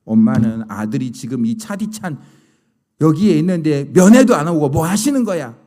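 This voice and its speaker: A man voicing a remorseful imprisoned adult son, speaking low as a lament, within a sermon story. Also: very animated, moderate pace, dark tone. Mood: resentful.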